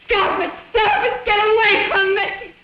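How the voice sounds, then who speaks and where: A muffled old film soundtrack carries a woman acting a desperate, defiant captive. Her voice is high and swings widely, with the dramatic delivery of crime melodrama. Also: expressive, normal speed, slight background noise, lightly acted. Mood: hysterical, furious.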